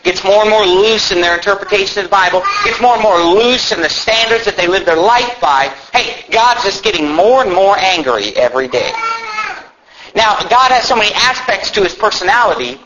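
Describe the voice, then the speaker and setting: An American preacher with a high voice and lively intonation speaks at a moderate pace. He uses rhetorical questions and repetition to press his points emphatically. Faint background noise sits under the muffled, lo-fi recording.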